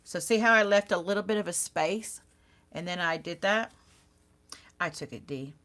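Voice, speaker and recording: A woman's voice: fairly low pitch, normal speed, a bit bright, a little hiss or hum. A woman hosting a live card-making demonstration, chatting casually with her viewers and teasing herself as she works. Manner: self-teasing, laughs at herself. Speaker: card-making channel host.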